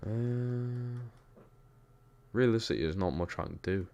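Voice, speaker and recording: Deep-voiced Geordie streamer. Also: male voice, a little slow, a little mellow. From Newcastle, England. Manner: chatty, reacts to the game and reads chat. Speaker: streamer playing a football game. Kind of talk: casual gaming stream commentary.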